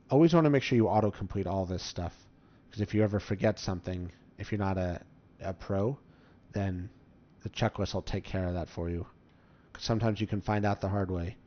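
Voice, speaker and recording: The tutorial host talks casually through a game in a low voice. The audio comes through a slightly dull, muffled mic.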